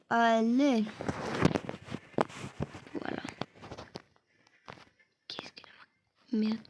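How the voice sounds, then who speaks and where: Stammering high-voiced young woman gamer. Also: noisy background. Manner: stammering, apologetic, drops into whispers. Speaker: gaming video creator. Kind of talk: casual gameplay commentary.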